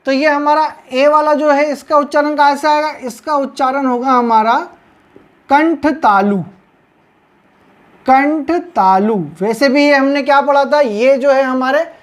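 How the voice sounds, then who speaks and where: A woman's voice: high-pitched, fairly even intonation, normal speed, few pauses. A woman teaching grammar at a board, explaining step by step and checking in with her students after each point. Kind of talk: blackboard lesson.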